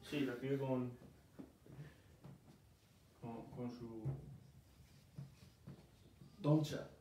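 A man's voice: medium pitch, steady tone, moderate pace, warm tone. Murcian man teaching in an echoey room. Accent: Murcian Spanish. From Murcia, Spain. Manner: patient, explains step by step with checking questions. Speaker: English teacher. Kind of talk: casual one-on-one pronunciation lesson. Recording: very echoey room, mic far off, faint noise.

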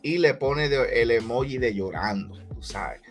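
A man hosting a casual boxing commentary vlog, talking in a lively, hyped way and repeating catchphrases. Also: mid-range voice, a little slow, faint music behind.

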